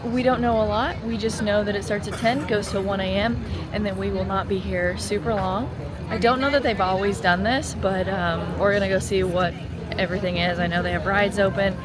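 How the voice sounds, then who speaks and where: A woman's voice: medium pitch, steady tone, a little fast, a crowd in the background. A woman chatting casually and informally to camera as a vlogger, often saying "like". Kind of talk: casual vlog chat to camera.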